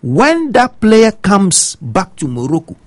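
A man's voice: high voice, wildly swooping pitch, takes it slowly, dry recording. A man from Ghana with a Ghanaian accent, giving opinionated football commentary and pressing his point with emphatic rhetorical questions. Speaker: football pundit.

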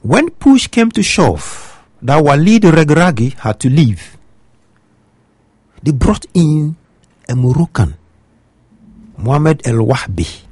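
Husky, animated Ghanaian man. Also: fairly high pitch, slow pace, pauses often, no room sound. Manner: emphatic, rhetorical questioning. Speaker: football pundit. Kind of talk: opinionated sports commentary.

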